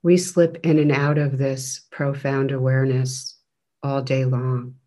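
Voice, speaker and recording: A man guides a meditation at a very slow pace. His delivery is gentle and flat in pitch, with a medium register. Long, measured pauses separate his phrases. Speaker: meditation teacher.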